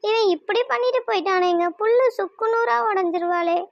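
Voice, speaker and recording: A woman's voice: very high voice, fairly quick, no room sound, dull audio. Woman voicing a fretful cartoon mother. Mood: worried. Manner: fretful, anxious. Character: worried middle-aged mother, warm and fretful.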